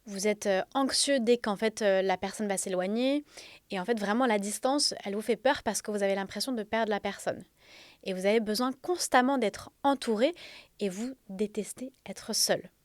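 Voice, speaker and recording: A woman's voice: medium pitch, moderate pace, dry recording. A woman hosting a self-help episode, explaining directly and conversationally in a slightly throaty voice, with a sore, swollen throat from tonsillitis. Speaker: podcast host. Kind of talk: spoken self-help episode addressed to listeners.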